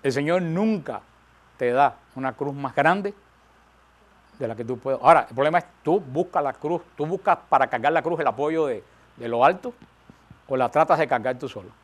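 A man's voice: mid-range voice, lively intonation, moderate pace. A man preaching a sermon, emphatic, rising and falling, repeating phrases for stress.

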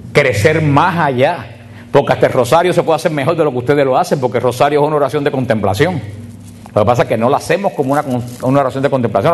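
A man preaching at a religious retreat, addressing the group directly, often repeating himself and slowing down on key words. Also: mid-range voice, slight background noise. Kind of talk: sermon.

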